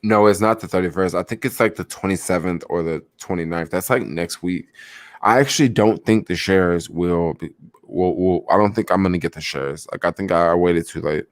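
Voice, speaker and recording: A man's voice: deep voice, normal speed, dry recording, clean studio sound. A young man chatting casually about stocks on a livestream, rambling with lots of fillers and answering viewers, sounding sleepy. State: sleepy, yawning. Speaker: stock vlogger.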